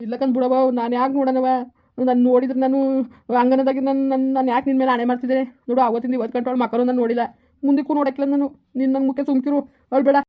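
A woman plays a flustered young village husband who protests over and over that he did nothing wrong. The voice runs very fast and sits high. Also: flat delivery, dark tone, natural voice. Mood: protesting. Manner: protesting, pleading. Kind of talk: village comedy skit.

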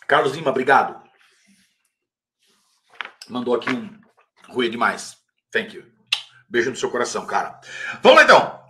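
A man with a Brazilian Portuguese accent teaching English in a relaxed live Q&A, answering viewers' questions and saying example phrases slowly and carefully. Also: mid-range voice, background noise. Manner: casual, chatty, reads viewer questions aloud. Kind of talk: live-stream Q&A lesson.

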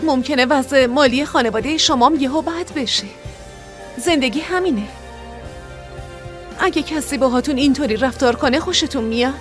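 A woman's voice: high-pitched, long pauses, soft background music, natural voice. An actress dubbing a young woman who raises her siblings, scolding and urging her sister in earnest. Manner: pleading then scolding, earnest. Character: young woman raising her siblings, caring but firm. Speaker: older sister. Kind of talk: Persian dub of a TV drama.

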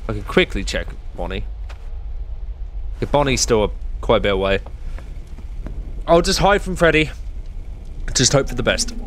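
Chatty man with lively pitch. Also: normal speed, pauses often, a little hiss or hum. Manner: chatty, sarcastic, talks to the enemies. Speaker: gameplay streamer. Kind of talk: horror game commentary.

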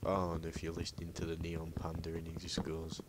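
A gaming channel host rambles through his gameplay commentary, often muttering under his breath, in a bass voice that is monotone and fairly quick. It was recorded on a laptop mic with loud background noise.

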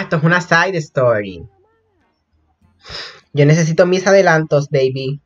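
A young man giving casual, gossipy reaction commentary, excitable and prone to sudden shrieks. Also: fairly high pitch, muffled recording. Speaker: reaction vlogger.

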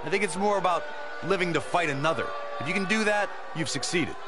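A man's voice: sits high, lively intonation, fast. A man giving serious analysis as a color commentator in a wrestling video game. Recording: noisy arena background.

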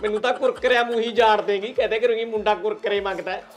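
A man's voice: sits high, steady tone, fast, faint music behind, lightly acted. A man playing a whining henpecked husband. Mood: complaining. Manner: whining, sarcastic grumbling with wailing cries. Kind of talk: rustic comedy sketch acting.

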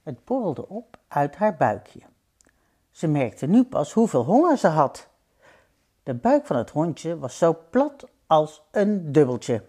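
A woman reads a children's picture book aloud in an unhurried, gentle way. Her fairly low voice is very lively, rising and falling with the story, and she adds playful sound effects along the way. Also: breathy edge.

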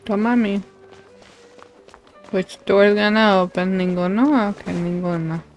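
A female livestreamer plays a game while giving casual, self-deprecating, grumbling commentary, with game music in the background. Her medium-pitched voice is a little slow, and the audio quality is poor.

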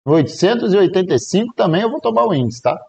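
A man's voice: high-pitched, animated, fast, vocal fry, darkish tone, slightly rough. A man from Brazil streaming live day trades, chatting casually with viewers and joking while he counts aloud. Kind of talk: live trading stream chat.

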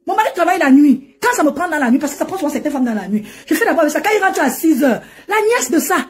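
A woman's voice: high voice, expressive, racing. A woman ranting and mocking on a live stream from home, laughing often as she talks into her phone. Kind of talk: animated Facebook live rant.

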